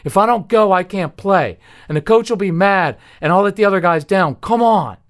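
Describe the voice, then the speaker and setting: A man's voice: sits high, expressive, moderate pace, voice pushed up. A man putting on the voice of his eleven-year-old son, whining and pleading insistently. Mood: whiny pleading.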